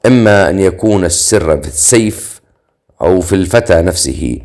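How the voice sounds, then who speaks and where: Ilaria: a soft-spoken, caring immortal woman in a storybook, read by a man in a low voice. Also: expressive, brisk. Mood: gentle.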